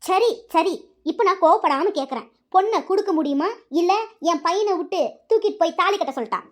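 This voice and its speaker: A woman's voice: very high-pitched, animated, fairly quick. A woman voicing a bullying aunt who threatens and mocks in a cartoon. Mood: threatening. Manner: threatening, mocking. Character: bullying aunt pushing her son's marriage. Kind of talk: cartoon dialogue.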